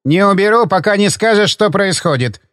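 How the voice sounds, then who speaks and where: A man's voice: sits high, expressive, moderate pace, no echo, studio quality. A man reading an audiobook, voicing a domineering older hotel owner who barks and bullies. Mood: furious. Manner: barking, bullying, shouting.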